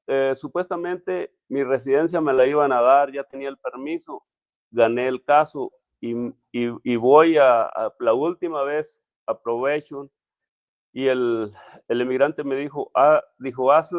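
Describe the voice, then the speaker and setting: A man, a pastor, telling his personal testimony in a halting, emotional way with many restarts. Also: mid-range voice, no room sound, lo-fi sound. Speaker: pastor, interview guest.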